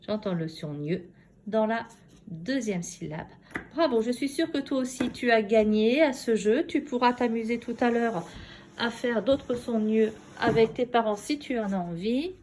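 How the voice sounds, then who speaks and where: A schoolteacher working from her home, giving a phonics lesson to young children and sounding out each syllable slowly and carefully. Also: on the high side, darkish tone, slight background noise. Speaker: primary school teacher.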